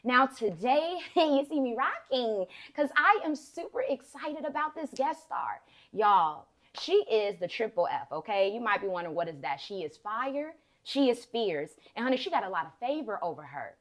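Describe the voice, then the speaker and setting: A woman's voice: on the high side, moderate pace. A woman hosting a talk show, upbeat and playful, with lots of slang. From Chicago, USA. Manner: lively, hype, playful slang.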